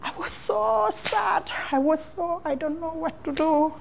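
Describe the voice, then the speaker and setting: A woman interviewee giving an emotional personal account, halting and repeating phrases in non-native English. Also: extremely high pitch, vocal fry, a little hiss or hum.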